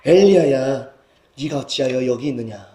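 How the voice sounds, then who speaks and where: A pastor voicing a gentle, hushed God. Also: male voice, normal speed, lightly acted. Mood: tender, consoling. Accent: Gyeongsang. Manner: soft, low, hushed and consoling. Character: gentle, tender God calling a weary prophet. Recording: echoey church hall.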